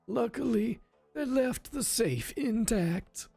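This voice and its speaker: A man's voice: extremely high pitch, animated, slow pace, vocal fry, mellow, breathy edge, soft background music, pitched above the performer's own voice, exaggerated voice. A man voicing a fussy, indignant old male banker in a Western mystery game. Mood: pompous. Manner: pompous, indignant.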